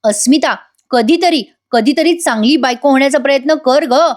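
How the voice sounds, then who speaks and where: A selfish young husband taunts his wife and heaps blame on her, with a woman reading the lines. The voice sits high and jumps higher when he shouts. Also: normal speed, lightly acted. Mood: accusing. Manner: taunting, accusing.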